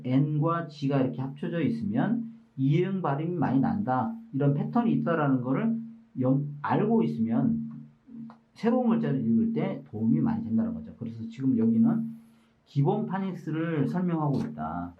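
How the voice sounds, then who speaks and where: A male teacher walks through a workbook page by page, patient and methodical, his pitch rising and falling a great deal as he explains. The recording is a bit muffled and lo-fi. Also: big pitch swings. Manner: patient, explains step by step, often reads sounds out slowly. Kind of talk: explanatory lesson walkthrough. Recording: slightly muffled lo-fi audio.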